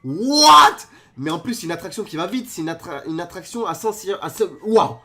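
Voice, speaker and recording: A young man giving excited reaction commentary on videos, joking and exclaiming in disbelief. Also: a little high, fairly quick.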